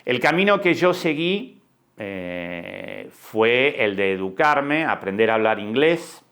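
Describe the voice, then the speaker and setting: A man in his sixties with an Argentine accent, hosting a podcast and telling his own story in a reflective way, with many pauses and hesitations. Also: medium pitch, very animated, fairly bright tone. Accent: Argentine Spanish. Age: 60s. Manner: slow, reflective, with frequent hesitations. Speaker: podcast host and documentary director. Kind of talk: personal podcast monologue.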